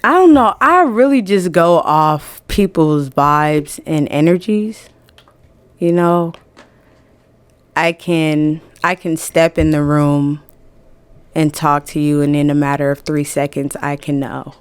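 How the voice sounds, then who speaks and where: Slow, low-voiced frank woman. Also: clear, resonant tone, no room sound. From born in New Jersey, raised in Atlanta. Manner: frank, laughing, emphatic. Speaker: music management guest. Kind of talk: casual podcast chat.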